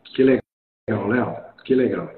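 Brazilian live-stream host, effusive and full of praise, chatty with restarts; echoey, reverberant room, dull lo-fi call audio. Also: male voice, lowish voice, unhurried. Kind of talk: casual live interview. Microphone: video call.

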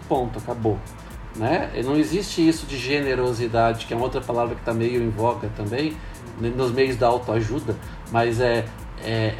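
A man's voice: mid-range voice, darkish tone. A man, a priest speaking in a thoughtful, hesitant way with many fillers. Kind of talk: casual reflective talk.

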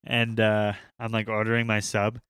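A man's voice: on the low side, completely flat delivery, normal speed, a bit bright, smooth, no room sound. A man in casual chat, talking loosely with slang and swearing.

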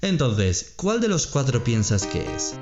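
A man co-hosting a podcast quiz, reading questions and options slowly and explaining the grammar patiently. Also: medium pitch, very animated, dull audio, over music. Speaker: podcast co-host running a quiz. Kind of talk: slow, clear Spanish-lesson quiz chat.

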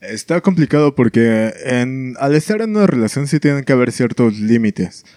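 A man's voice: medium pitch, lively intonation, normal speed, mellow, a little hiss or hum. A man teasing and needling his guest in a casual chat. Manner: teasing, mocking.

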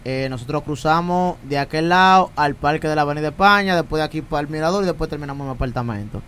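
A man's voice: a little high, fast talker, a bit bright, smooth. A man, a podcast co-host who jokes, teases the others and tells anecdotes in casual chat.

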